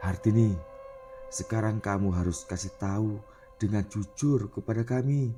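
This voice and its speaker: A stern middle-aged village cleric in a spoken storybook, asking pointed questions in a firm, measured voice, as a man voices him. He sounds low and quiet, with faint music behind. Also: fairly even intonation, lightly acted.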